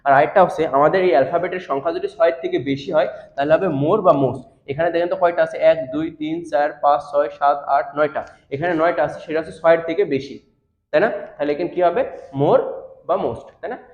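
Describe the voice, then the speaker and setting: A man's voice: on the high side, fast talker, a little mellow. A young man with a Bangladeshi Bengali accent teaching a grammar lesson at a board, explaining step by step and asking his students rhetorical questions. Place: classroom with a board. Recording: echoey, dull classroom recording.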